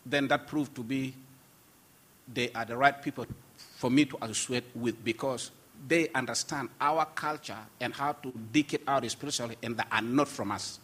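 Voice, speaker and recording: With a medium-pitched, slightly rough and somewhat bright voice, this man speaks in a steady tone at a moderate pace. He is a pastor from South Sudan, a guest giving an emphatic, earnest testimony in conversation and often restarting.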